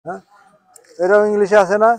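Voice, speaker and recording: High-voiced man teaching a class. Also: flat delivery, fairly quick, darkish tone, dry recording. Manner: checks with students, asks "হ্যাঁ?" often; switches between Bengali and English, spells Arabic out. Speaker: Quran teacher. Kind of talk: informal class lesson.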